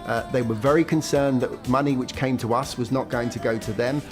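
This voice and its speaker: A man in an interview, explaining past events in a measured way. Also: medium pitch, steady tone, music in the background. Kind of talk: interview recollection.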